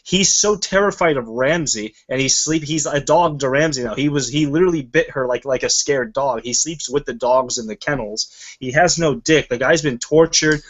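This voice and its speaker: A man's voice: mid-range voice, normal speed. A man hosting a casual review chat, rambling and swearing freely as he goes. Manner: rambling and profane. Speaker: show host. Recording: muffled lo-fi recording.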